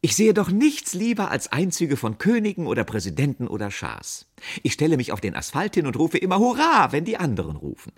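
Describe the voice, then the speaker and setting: A man's voice: very animated, normal speed, darkish tone. A man voicing a young, dreamy, mocking woman who lectures in a raised, playful voice. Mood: teasing. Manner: teasing, lecturing in a lighter, higher voice.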